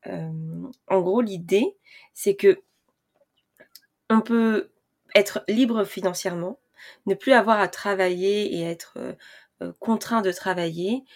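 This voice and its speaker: A woman's voice: mid-range voice, slow pace, long pauses, darkish tone. Chatty young woman hosting a podcast. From France. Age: 20s. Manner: chatty, frequent hesitations and restarts. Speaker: podcast host. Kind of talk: casual podcast monologue.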